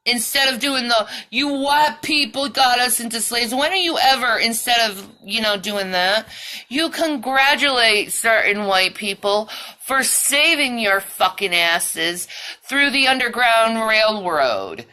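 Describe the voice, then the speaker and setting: Woman vlogger, profane heated rant, slow delivery, sharp bright tone. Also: fairly high pitch, animated. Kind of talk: ranting monologue.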